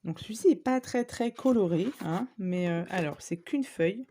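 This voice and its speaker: Woman, casual haul vlog, mellow tone, chatty with fillers, faint background noise. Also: medium pitch, expressive, normal speed. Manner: chatty, many fillers, addresses viewers. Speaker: scrapbooking vlogger. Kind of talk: casual shopping haul show-and-tell.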